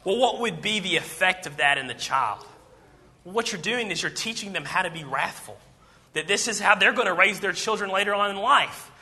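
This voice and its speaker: A man preaching a sermon in a church, earnest, reading scripture slowly and acting out angry inner voices. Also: high voice, lively intonation, pushed and bright. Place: church auditorium.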